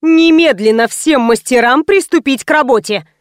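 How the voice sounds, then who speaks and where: A woman voicing a stern young female salon owner who gives sharp, commanding orders in an audiobook. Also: high-pitched, expressive, normal speed, no echo, studio quality.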